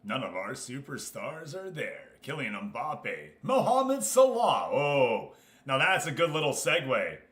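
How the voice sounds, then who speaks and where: A man of medium pitch hosts a livestream for his online football management game league, chatting casually and commenting straight to his group. His pitch swoops wildly, he speaks slowly, and his tone is fairly bright. The sound is echoey and roomy.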